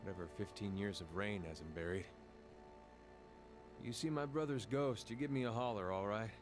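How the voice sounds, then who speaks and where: A man's voice: fairly low pitch, animated, moderate pace, natural voice. Man playing a laid-back adventurer over game music. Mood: wry, casual. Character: easygoing, wry male adventuring companion in fantasy game. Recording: quiet game audio under music.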